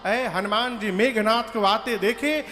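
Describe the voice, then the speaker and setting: A man's voice: high voice, measured pace. A man telling a devotional epic story in a dramatic way, acting out the characters. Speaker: religious storyteller. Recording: reverberant hall with faint music.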